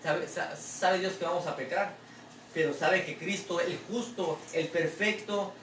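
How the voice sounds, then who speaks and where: A man's voice: high-pitched, steady tone, a little slow, fairly bright tone. A man pastor preaching a sermon in a church in a conversational way, often calling the listener brother and asking rhetorical questions. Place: church sanctuary. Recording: echoey room, distant mic, faint ambient noise.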